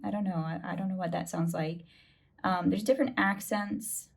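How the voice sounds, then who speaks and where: A woman with a slightly low voice talks through an app tutorial. She explains each step in a relaxed, chatty way and drops in easy fillers as she goes. She sounds like she is recording a friendly how-to at her own pace. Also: normal speed, vocal fry, breathy edge. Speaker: tutorial host. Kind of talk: casual screen tutorial.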